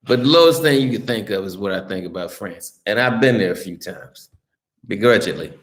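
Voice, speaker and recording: A man's voice: fairly low pitch, expressive, fairly quick. An American man chatting casually on a live stream, reading viewer comments and answering them bluntly, with lots of swearing and many restarts. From United States. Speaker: vlogger reading live chat. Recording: roomy echoey recording.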